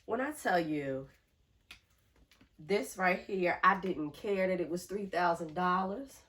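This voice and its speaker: A woman with a nasal voice chats to camera in an unhurried, fond way. Her voice sits low and she drags out her words for emphasis. Pure casual vlog talk. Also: animated, a bit bright. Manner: chatty, drawn-out emphasis, affectionate. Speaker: handbag collection vlogger.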